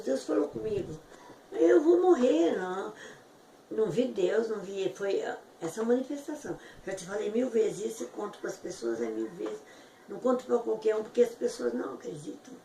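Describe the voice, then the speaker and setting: A woman giving an emotional, fervent personal testimony, her voice jumping high at the peaks. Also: dark tone. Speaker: testimony giver. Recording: echoey room from far off with faint noise.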